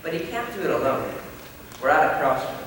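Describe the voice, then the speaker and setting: A young man playing an earnest male high school senior, giving a solemn, rousing stage speech. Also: animated, a little fast, a bit bright. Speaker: student actor. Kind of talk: stage play speech to a class. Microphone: distant room mic. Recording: echoey hall from far off, noisy.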